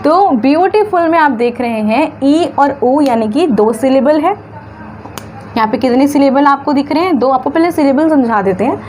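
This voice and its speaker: A woman teaching English grammar, stretching words slowly into syllables and asking questions that she answers herself. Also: sits high, expressive, darkish tone, a little hiss or hum. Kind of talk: classroom-style grammar lesson.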